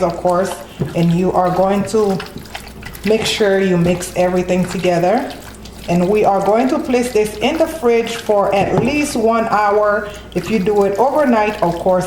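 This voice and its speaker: A Haitian woman hosts a home cooking tutorial in her home kitchen, guiding viewers through each step in a friendly way and often tacking on "okay?". Her voice is medium-pitched and darkish, recorded roughly in an echoey room with slight background noise.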